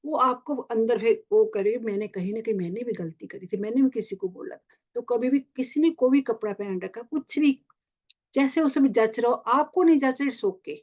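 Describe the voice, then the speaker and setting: A woman meditation guide giving a spiritual talk, halting with many restarts and mixing in English phrases. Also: fairly high pitch. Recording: muffled lo-fi recording.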